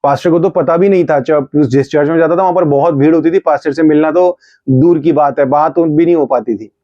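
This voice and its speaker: A man's voice: a little high, brisk, dark tone, dry recording. A middle-aged man, a pastor, telling his testimony in a fervent sermon, acting out his own rebukes as he goes. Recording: slightly dull, dry recording.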